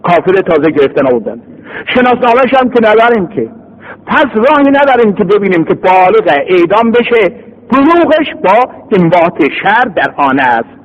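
A male teacher of religious law giving an animated classroom lecture, reading a text aloud and explaining it by acting out scenes. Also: sits high. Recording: dull lo-fi recording.

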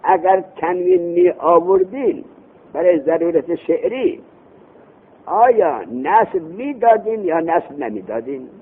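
Male grammar teacher, high and husky, animated lecture, reads text then explains, tinny lo-fi recording. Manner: animated, reads Arabic text aloud then explains it, asks rhetorical questions.

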